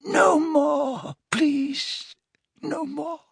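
Dumbledore, tormented old wizard wailing high. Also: male voice, dry recording, clean studio sound, heavily acted. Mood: begging. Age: older. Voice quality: breathy, wavering, high moaning voice. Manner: sobbing, pleading, drawn-out wails. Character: anguished elderly male wizard, begging, tormented, weakened.

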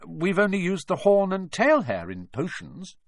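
A startled, curious young schoolboy from a storybook, asking his questions earnestly in a raised, boyish pitch, as a man voices him. The recording is dry and close. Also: very animated, unhurried, dry recording, exaggerated voice. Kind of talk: audiobook character reading.

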